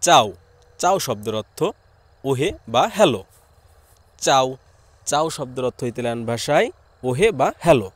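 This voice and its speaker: A man from Bangladesh with a Bangladeshi Bengali accent, teaching a language lesson and slowly repeating each word and its meaning. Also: medium pitch, lively intonation, dry recording.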